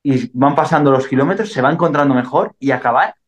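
A man's voice: mid-range voice, fast. A man from Spain, a mountain bike racer, chatting as a guest in a casual podcast interview, rambling with many restarts. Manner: rambling, full of restarts and laughs.

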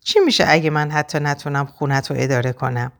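A woman's voice: low-pitched, pitched below the performer's own voice. A woman reading the part of a young married woman torn between her husband and a lover, voiced with pleading emotion. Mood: despairing.

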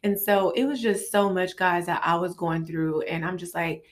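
A woman's voice: on the low side, moderate pace. A woman in her late thirties hosting a casual, confiding solo podcast, recorded in a bathroom. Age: late 30s. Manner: informal, confiding, conversational. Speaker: podcast host.

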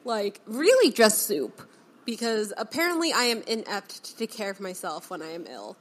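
A woman's voice: mid-range voice, very animated, moderate pace. A young woman co-hosting a casual podcast, congested and nasal from a cold, chatty and full of "like". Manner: chatty with filler "like". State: congested, sick. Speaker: podcast co-host.

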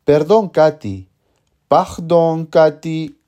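A teacher giving a scripted language lesson, speaking slowly and clearly and drilling words for the listener to repeat. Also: mid-range voice, warm tone. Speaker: French teacher.

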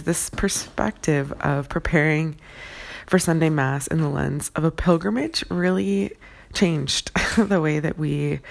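A woman in her thirties, a mother, gently sharing a faith reflection in a groggy early-morning voice, soft-spoken with many pauses and fillers. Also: low-pitched, creaky.

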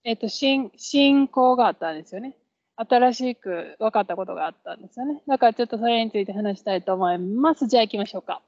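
High-voiced Kansai woman, podcast co-host. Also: animated, fast, a little mellow, no room sound. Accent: Kansai Japanese. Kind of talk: casual podcast chat. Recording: dull, lo-fi audio.

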